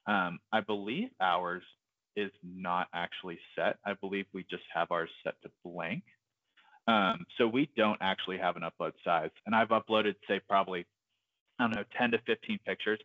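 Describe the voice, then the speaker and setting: A man leads a live software tutorial in a casual, hesitant way, often pausing on fillers. His voice sits low. The video call audio is dry and dull. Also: no room sound. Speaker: software trainer.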